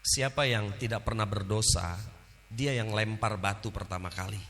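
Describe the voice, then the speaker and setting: A man voicing Jesus as a calm grown man, speaking slowly and solemnly. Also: fairly low pitch, big-room sound, slight background noise, voice pushed down, natural voice.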